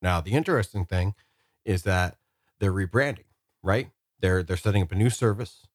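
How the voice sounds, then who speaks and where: Deep-voiced man on a podcast, dry sound. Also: moderate pace, no echo. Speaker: podcast co-host. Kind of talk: casual podcast discussion.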